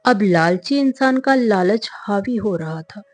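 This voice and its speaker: A woman narrating a scripted comic folk tale in a calm, unhurried way. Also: mid-range voice. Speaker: storyteller.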